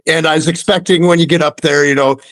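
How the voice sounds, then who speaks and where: A laid-back podcast co-host from Idaho swaps stories and tall-tale jokes, cursing easily. His voice is on the higher side for a man. The recording is dry and close-miked. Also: steady tone, quick pace, fairly bright tone, dry recording. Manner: joking, laid-back, profane. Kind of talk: casual podcast chat.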